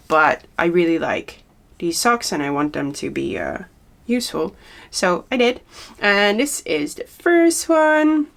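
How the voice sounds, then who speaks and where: A young woman hosting a knitting podcast, chatting casually and thoughtfully with frequent pauses and a touch of nerves. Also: fairly low pitch. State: a little nervous. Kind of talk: casual chat.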